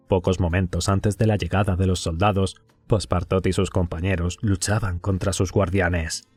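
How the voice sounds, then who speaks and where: Male audiobook reader: very deep, slightly husky, measured and even storytelling. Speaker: audiobook narrator. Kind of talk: scripted audiobook narration.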